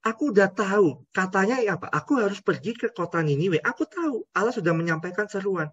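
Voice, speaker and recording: A man's voice: high voice, animated, fast, slightly rough, no echo, lo-fi sound, pitched above the performer's own voice. A man voicing an indignant male prophet who complains to God in an exasperated, pleading way. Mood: aggrieved.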